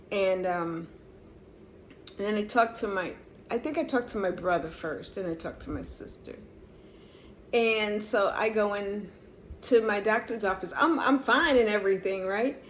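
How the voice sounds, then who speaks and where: A middle-aged woman vlogger telling a personal story in a casual, animated way, often laughing and praising. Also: medium pitch, slight background noise. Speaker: vlogger sharing a testimony.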